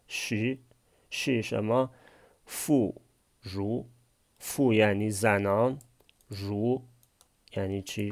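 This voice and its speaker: A man's voice: on the low side, gravelly. A man teaching a language class, explaining a text phrase by phrase and posing questions he then answers himself. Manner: asks and answers his own questions.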